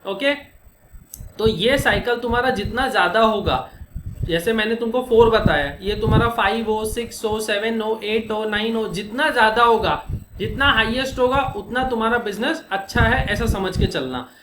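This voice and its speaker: A commerce teacher with an Indian accent and a high-sitting voice delivers a classroom accounting lecture. He goes step by step, posing rhetorical questions to students and slowing down to dictate formulas. The room is echoey, with faint background noise.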